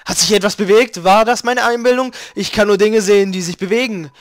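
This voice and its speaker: A man's voice: high voice, brisk, dry recording, close to an everyday voice. A man voicing a jumpy, suspicious male guard dog from a video game, startled and repeating himself. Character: jumpy male guard dog who only sees movement.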